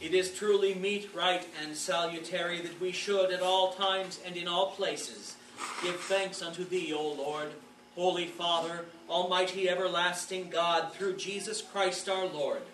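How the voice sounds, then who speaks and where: A man's voice: sits high, steady tone, fairly bright tone, faint music behind. Man intoning amid cathedral echo. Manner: solemn and measured. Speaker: minister leading a communion liturgy. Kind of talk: formal liturgical intoning. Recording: echoey church from far off, with background noise.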